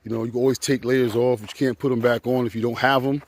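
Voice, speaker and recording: A man of middle pitch vlogs outdoors in the winter cold, talking casually in slang to his camera. He sounds a little out of breath, and faint background noise rides under his voice. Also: fast. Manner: slangy, excitable, chatty. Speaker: vlogger. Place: outdoors on a frozen lake in winter.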